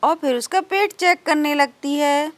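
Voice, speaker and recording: A woman's voice: sits high, unhurried, no echo. A woman narrating a doll story, explaining each scene in simple words.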